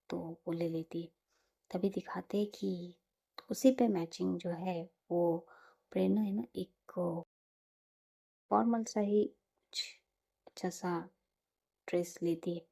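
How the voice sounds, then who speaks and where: A woman casually retelling a romance story in a relaxed, conversational way, often dropping into whispers. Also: on the low side, vocal fry.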